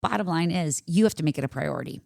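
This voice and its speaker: A woman's voice: low-pitched, fast, gravelly, a little mellow, no room sound, clean studio sound. A woman co-hosting a yoga podcast in casual chat, chatty and upbeat, with lots of "like" and "right?". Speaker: yoga teacher and podcast co-host.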